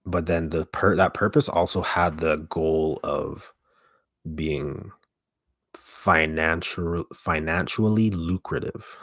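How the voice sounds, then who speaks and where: A man with a deep, gravelly voice chats casually on a livestream in a halting way, often interrupting himself, close to the microphone. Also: fairly even intonation, a bit bright, no echo. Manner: halting, self-interrupting, mild swearing. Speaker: ASMR streamer hosting a live stream. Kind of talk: casual rambling livestream chat.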